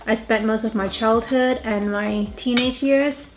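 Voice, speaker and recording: A woman's voice: a little high, steady tone, a little slow, rough recording. Chatty woman hosting a couple's vlog. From Thailand, raised in England. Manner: chatty, reads out questions. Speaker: vlog host. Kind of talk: casual chat.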